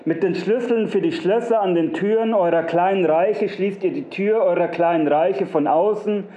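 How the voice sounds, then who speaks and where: A man's voice: high-pitched, moderate pace, mellow, close to an everyday voice. A man voicing a sly, smug, wrinkled little male gnome in a spoken fairy tale, coaxing and long-winded, in a roomy, dull recording.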